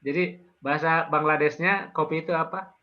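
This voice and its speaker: A man with an Indonesian accent teaching an online language class informally, patiently asking questions and pausing often. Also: on the high side, fairly even intonation, muffled recording.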